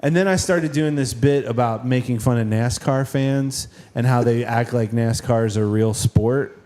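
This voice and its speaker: Man, comedian guest, casual podcast chat, animated, self-amused. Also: mid-range voice, normal speed.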